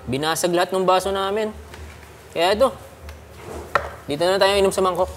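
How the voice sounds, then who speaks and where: Man acting high-voiced, deadpan drinking buddy. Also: moderate pace, very noisy, natural voice. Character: sluggish, dim drinking buddy with silly excuses. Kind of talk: comedy skit acting.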